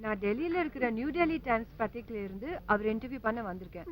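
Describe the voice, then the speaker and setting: A woman's voice: on the high side, lively intonation, fast talker, slight background noise, close to an everyday voice. An actress playing a polite young female newspaper reporter. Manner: polite, asking. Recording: dull lo-fi film audio.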